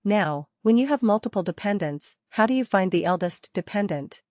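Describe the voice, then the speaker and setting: Animated and at a moderate pace, a woman with a mid-range voice trains learners on software, working step by step, repeating key ideas and asking them questions. The studio sound is clean, with no room sound at all.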